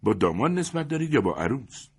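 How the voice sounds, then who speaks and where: A man voicing a brash, nosy male best man at a wedding, loud and mocking. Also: medium pitch, sing-song, gravelly, husky, voice pushed up, full character voice. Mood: prying.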